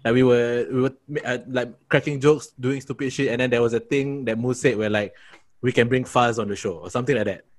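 A man from Singapore hosts a loose comedy podcast at a middling pitch. He jokes and rambles, often restarting his sentences. The talk is casual, among friends. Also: steady tone, brisk. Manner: joking, rambling, with frequent restarts. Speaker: podcast host.

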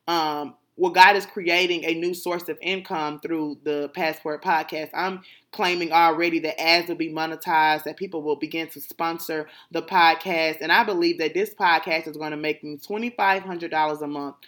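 Forceful, emphatic woman podcaster. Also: low-pitched, steady tone, moderate pace, few pauses. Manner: emphatic, preachy affirmations. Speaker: podcast host. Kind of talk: casual motivational chat.

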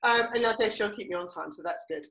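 A middle-aged woman from Romford, Essex, with an Essex English accent, co-hosts a podcast and tells personal stories conversationally. Her mid-range voice is fast and fairly bright, and the recording sounds roomy and echoey.

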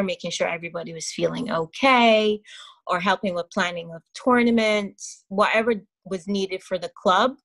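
A woman's voice: fairly low pitch, vocal fry, fairly bright tone. A Barbadian woman in her forties, a hockey player, chatting casually in an interview and laughing easily.

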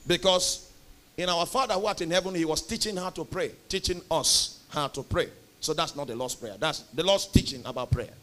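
A young Nigerian man with a Nigerian accent preaching a sermon, emphatic, with loud bursts on key words. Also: fairly high pitch. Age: young adult.

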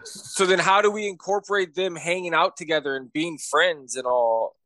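A man's voice: on the high side, moderate pace, bright, forceful tone, no echo. A man co-hosting a podcast, tossing out ideas in a loose, musing way. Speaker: podcast co-host. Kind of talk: casual brainstorming chat.

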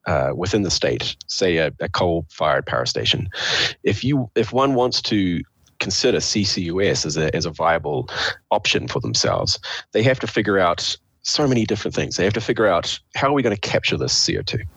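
Male, very low froggy croak, hoarse with a cold, crisp dry recording, explanatory interview talk. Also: very animated, brisk, fairly bright tone, no echo. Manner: explains step by step, posing questions to himself. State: hoarse with a cold, clearing throat. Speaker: interview guest, official of a state energy authority.

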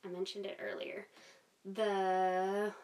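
A woman's voice: mid-range voice, monotone, takes it slowly, a little mellow, distant mic. A woman hosting a casual podcast conversation, speaking in an earnest, candid way, with S sounds that whistle. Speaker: podcast host.

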